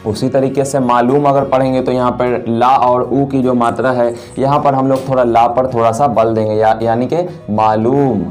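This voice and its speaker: A man teaching a grammar lesson, patiently explaining and drawing out each example word slowly while he writes. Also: medium pitch, little pitch movement, darkish tone, soft background music.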